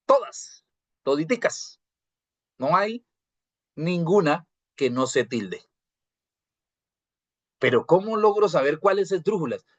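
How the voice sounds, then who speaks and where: A man's voice: fairly high pitch, animated, takes it slowly, pauses often, no echo. A man giving a live online grammar lecture as a university teacher. He asks rhetorical questions, checks in with "¿cierto?", and often repeats and restarts words as he explains. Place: video call class. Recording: dry, slightly dull video call audio.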